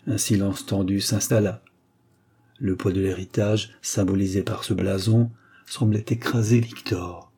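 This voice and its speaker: A man reading a novel aloud in a measured, literary narration. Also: on the low side, fairly even intonation, warm tone, breathy edge. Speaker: audiobook narrator. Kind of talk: scripted narration.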